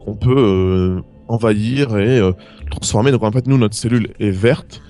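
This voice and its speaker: A man's voice: fairly low pitch, moderate pace, dark tone, soft background music. Chatty man explaining a game. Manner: many fillers and restarts while explaining. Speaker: podcast host. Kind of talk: casual chat, explaining a game.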